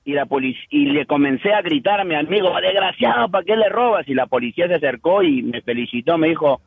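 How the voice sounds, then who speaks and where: A man's voice: on the high side, quick pace, breathy edge, no echo. A man calling in to a radio show, telling a funny story in a brash, friendly way and calling the host brother. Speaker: radio caller. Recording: dull phone-line caller audio.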